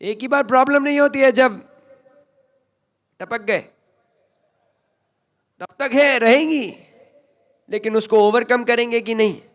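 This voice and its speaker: A man's voice: extremely high pitch, takes it slowly, long pauses. An older man giving a motivational stage talk in a folksy, emphatic way, addressing the crowd directly. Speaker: motivational speaker.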